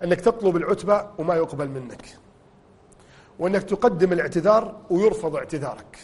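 Brief: a passionate, rapid-fire male preacher with a husky tone, delivering a sermon. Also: fairly high pitch, lively intonation, darkish tone, big-room sound. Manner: impassioned, rising to cries at emotional peaks.

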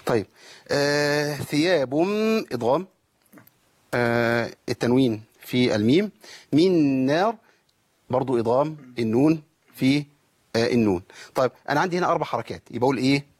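Man, Egyptian accent, tajweed teacher, quick explanations, slow spoken examples, mid-pitched voice. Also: husky. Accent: Egyptian Arabic. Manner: explains and slowly demonstrates pronunciation. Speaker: Quran recitation teacher. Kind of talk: tajweed lesson.

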